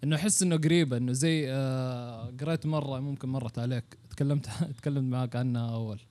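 A man's voice: medium pitch, fairly even intonation, fast, warm tone. A Saudi man chatting casually and thinking aloud, dropping English words and phrases into his Arabic. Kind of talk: casual, musing chat.

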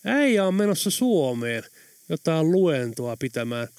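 A man's voice: fairly high pitch, sing-song, darkish tone, clear, resonant tone, dry recording, voice pushed up. Audiobook role: questioning young woman, voiced by the male narrator, dry sound. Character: adult woman, puzzled and questioning.

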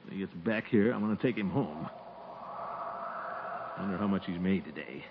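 An actor playing a pompous, easily flustered middle-aged uncle and town official, blustering and chuckling in 1940s radio comedy style. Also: male voice, low-pitched, moderate pace. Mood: muttering. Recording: dull, hissy old radio recording.

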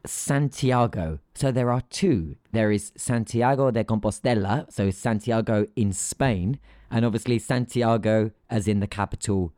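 Low, mellow man chatting. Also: a little slow, no room sound, studio quality. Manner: animated, jokey storytelling. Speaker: podcast co-host. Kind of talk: casual chat.

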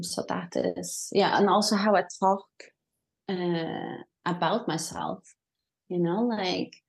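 A woman's voice: lowish voice, vocal fry, a little mellow. A woman guest on a podcast, talking shyly and hesitantly with many fillers. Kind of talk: casual podcast chat.

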